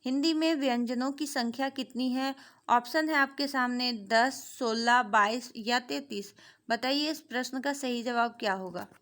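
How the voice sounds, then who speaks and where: A woman leads an exam-prep grammar lesson, asking questions and answering them herself while repeating key points over and over. Her voice is fairly high and slightly bright, and she keeps a measured pace.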